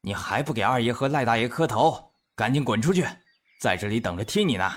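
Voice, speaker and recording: A man's voice: medium pitch, animated, a little fast, lightly acted. A man voicing a bossy, bullying male servant.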